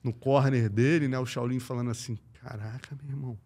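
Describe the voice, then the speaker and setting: A middle-aged Brazilian man with an accent from home, spinning a story as a podcast guest. His speech is slangy and salted with curses, and it jumps from loud bursts to near-whispers. His pitch sits in the ordinary middle for a man. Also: fairly even intonation, fairly quick. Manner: slangy, profane, swings between loud and hushed, acts out quotes. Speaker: podcast guest, combat sports journalist. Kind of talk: animated anecdote telling.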